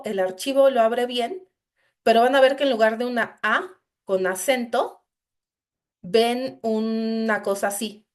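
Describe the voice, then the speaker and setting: A woman leads a coding class over a shared screen. Her voice sits a bit high, and she walks students through each step in a patient, explanatory way, leaning on "entonces" as she goes. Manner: explanatory, addresses students directly with frequent "entonces". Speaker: instructor.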